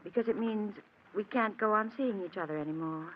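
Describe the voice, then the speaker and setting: An actress in an old-time radio drama playing a lonely, gentle woman resisting forbidden love, earnest and measured. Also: mid-range voice, close to an everyday voice. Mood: regretful, firm. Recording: muffled, hissy old radio recording.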